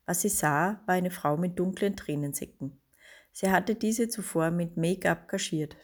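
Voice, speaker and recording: A woman reading a story aloud in a calm, measured audiobook narration. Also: lowish voice.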